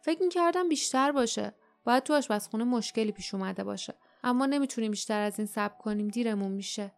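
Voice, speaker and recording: A woman voicing an anxious, hurried worker in an audiobook, speaking in a rushed, fretful way. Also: a little high, soft background music, natural voice. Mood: worried. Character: hurried worker in red, anxious about time.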